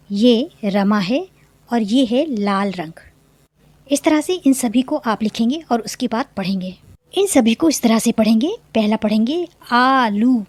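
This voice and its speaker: A young adult woman teacher explaining a children's lesson, drawing out each syllable slowly. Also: on the high side, darkish tone, dry recording. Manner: slow, drawn-out syllables for young learners.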